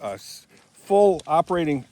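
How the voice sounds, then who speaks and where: His voice is a little high yet dark in tone, with big pitch swings at normal speed and a little hiss or hum in the recording. He's a man in his seventies from Michigan, vlogging casually and ramblingly on a handheld phone camera as he works outdoors on rural land, often correcting himself.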